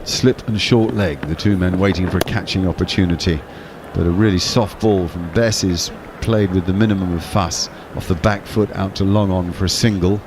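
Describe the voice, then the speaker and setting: Commentator, male, very low voice, steady explaining delivery, noisy audio behind. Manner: measured, explanatory, with small restarts. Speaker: cricket commentator on a watchalong. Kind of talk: ball-by-ball commentary.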